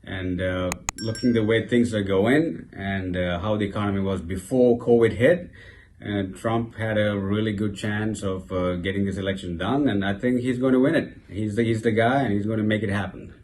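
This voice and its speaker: Low-voiced man from Sri Lanka. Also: steady tone, moderate pace, darkish tone. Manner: confident, with many fillers. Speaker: interviewee.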